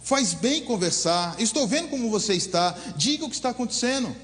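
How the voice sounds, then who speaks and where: A man voicing a gentle grandmotherly old woman. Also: extremely high pitch, animated, brisk, soft background music. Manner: gentle, caring. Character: kind grandmotherly older woman. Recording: long hall reverb.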